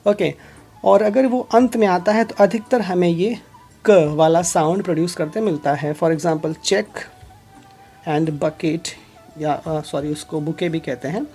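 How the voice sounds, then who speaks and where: A woman gives a phonics lesson in a slightly low voice. She speaks very slowly and deliberately and reads out lists of example words one by one. Soft music plays faintly behind her. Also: breathy edge. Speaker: English teacher. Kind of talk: phonics lesson explained in Hindi.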